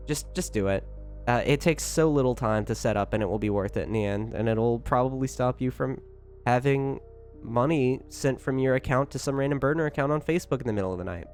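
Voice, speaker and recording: A livestream host talks on and on to his chat in a rambling, casual, chatty way, swearing as he goes, with music playing behind him. His voice is mid-range with a darkish tone.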